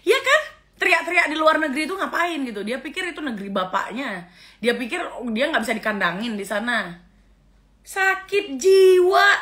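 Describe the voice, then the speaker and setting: A woman's voice: fairly high pitch, pushed and bright. A middle-aged woman vlogger ranting casually and scornfully, with frequent exclamations of disgust. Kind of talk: casual reaction rant.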